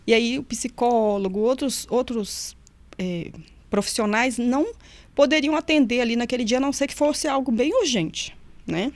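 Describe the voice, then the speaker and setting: Lively woman telling stories. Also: on the high side, moderate pace, no room sound. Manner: lively storyteller who acts out quoted voices. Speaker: nutritionist and former prison officer, guest. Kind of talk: storytelling in a casual interview.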